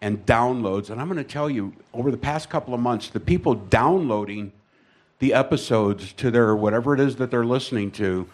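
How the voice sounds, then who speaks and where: A man with a mid-pitched voice talks as a guest on stage, eagerly telling stories and figures about his network. His delivery is casual and lively. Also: fairly quick. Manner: enthusiastic, storytelling. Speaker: guest, radio network manager. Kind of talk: casual chat before a live audience.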